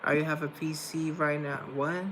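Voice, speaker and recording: Here a young Colombian livestream host rambles and thinks aloud while reading chat off his laptop. His voice sits a little high, fairly bright, with little pitch movement and a moderate pace. There's slight background noise from the laptop mic.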